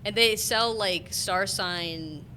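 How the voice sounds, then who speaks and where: A woman's voice: medium pitch, takes it slowly, bright, forceful tone, a little hiss or hum. A woman in her twenties hosting a casual podcast, chatty, who laughs often and fills her talk with "like". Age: 20s. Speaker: podcast host. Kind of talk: casual chat. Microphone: podcast mic, sitting a little far from it.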